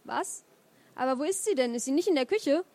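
A woman's voice: high voice, expressive, brisk, a little mellow. Woman reading a confused old grandfather.

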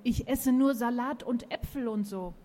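A woman voicing a friendly male donkey in a children's storybook reading, calm and matter-of-fact. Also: a little high, normal speed, lightly acted. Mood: plain.

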